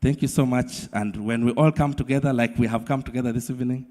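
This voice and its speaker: A man with a Ugandan English accent giving a formal thank-you speech as a company executive, measured and full of uh fillers. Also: medium pitch, steady tone, noisy background. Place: large event hall. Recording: long hall reverb.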